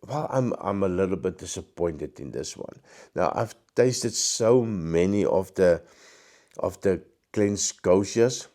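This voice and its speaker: A man with a croaky, hoarse voice giving a casual, thoughtful whisky tasting review to camera, pausing often with ums and small self-corrections. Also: deep voice, mellow.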